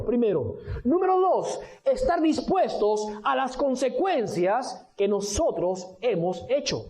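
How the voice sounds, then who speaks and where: A man preaching a sermon, telling the story in an animated way and acting out scenes. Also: high voice. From Venezuela. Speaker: pastor. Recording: dull radio broadcast recording.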